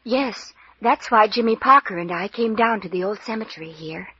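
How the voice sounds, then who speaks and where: A woman playing a gentle, wounded young heroine, weary and apologetic, in an old-time radio mystery. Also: medium pitch, normal speed, breathy edge, dry recording. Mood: earnest, troubled. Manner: plaintive, apologetic. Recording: muffled lo-fi radio recording with hiss.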